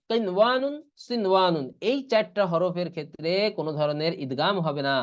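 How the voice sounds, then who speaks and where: High-voiced man teaching Quran reading. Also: clean tone. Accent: Bangladeshi Bengali. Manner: spells out letters and vowel marks, then chants drawn-out recitation examples. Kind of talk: online tajweed lesson. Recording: dull lo-fi online class audio.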